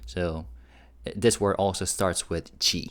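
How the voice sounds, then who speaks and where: Male reaction host, low-ish voice, casual relaxed translating commentary. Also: takes it slowly. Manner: relaxed, chuckles while explaining.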